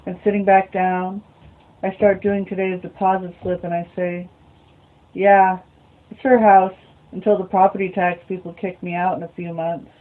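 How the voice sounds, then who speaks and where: A woman's voice: lowish voice, little pitch movement, moderate pace. Woman, novel reading, narration, thin phone-like sound. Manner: mutters asides to herself between passages. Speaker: reader. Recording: phone-like lo-fi recording.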